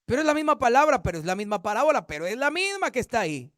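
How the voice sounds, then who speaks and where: High-voiced pastor teaching a Bible study. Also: male voice, sing-song, very fast, fairly bright tone, no room sound, clean studio sound. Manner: earnest, repetitive, self-correcting teacher.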